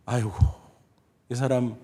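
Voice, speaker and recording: A man's voice: mid-range voice, flat delivery, unhurried, warm tone. A man in his fifties, a pastor giving a sermon in a conversational way, with rhetorical questions and quoted inner thoughts. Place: church sanctuary.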